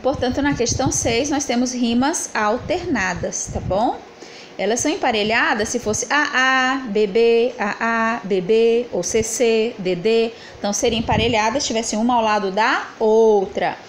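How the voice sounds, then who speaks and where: A woman's voice: a little high, moderate pace, a little hiss or hum, rough recording. Woman teacher, questioning her class. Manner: asks the class questions and answers them herself, counts syllables aloud. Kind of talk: explanatory lesson, correcting exercises.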